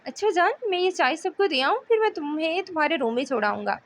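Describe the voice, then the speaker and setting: Woman narrator doing a sweet teasing young husband, soft and coaxing, audiobook. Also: extremely high pitch, big pitch swings, fast, a little hiss or hum. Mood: affectionate. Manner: tender, coaxing.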